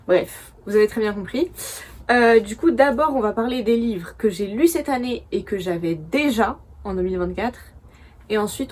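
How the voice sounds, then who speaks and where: A woman's voice: medium pitch, a little mellow, a little hiss or hum. A young woman from France casually chatting as a book vlogger, chatty and self-mocking, often laughing at herself. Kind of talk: casual chat.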